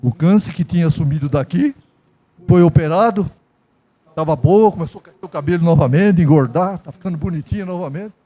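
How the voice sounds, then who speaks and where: Older brazilian guy preaching in church, high pitched but mellow, rambles with stories. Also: brisk. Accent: Brazilian Portuguese. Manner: folksy, storytelling, repeats himself. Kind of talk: sermon.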